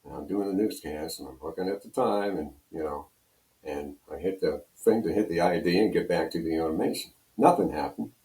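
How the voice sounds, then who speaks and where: A fairly quick, low, dark-toned male voice belongs to an older American from Pennsylvania who works as a radio program director and on-air personality. Speaking as an interview guest, he casually rambles through memories and anecdotes in an echoey, roomy space.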